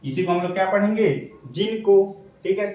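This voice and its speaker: A man with a high-pitched, darkish voice explains shorthand one step at a time at a moderate pace, patiently asking himself questions and then supplying the answers. The sound is distant and reverberant, as if in an echoey room.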